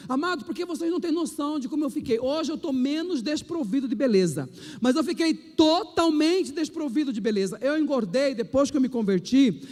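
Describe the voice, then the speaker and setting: A pastor, a man, gives his testimony in a lively preacher's manner and acts out the voices of the people he quotes. His speaking voice sits unusually high for a man. The room carries a long reverb that hangs after each phrase. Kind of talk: testimony sermon. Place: church hall.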